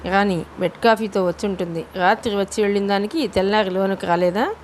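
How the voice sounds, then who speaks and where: A woman's voice: mid-range voice, brisk, slight background noise. Woman reading a novel aloud. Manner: steady storytelling. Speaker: audiobook narrator.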